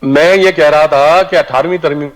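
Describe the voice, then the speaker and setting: A man's voice: a little high, fairly even intonation, normal speed. A man joining a televised political debate over a phone or video-call line that sounds distant and breaks up, speaking bluntly. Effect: heard over a phone or video-call line, distant and breaking up.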